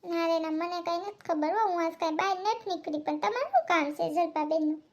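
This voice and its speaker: A woman's voice: very high voice, fast, slight background noise. A woman voicing a lazy, hospitable but evasive housewife in a cartoon, with a Kathiawadi Gujarati accent. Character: lazy housewife lounging in front of TV.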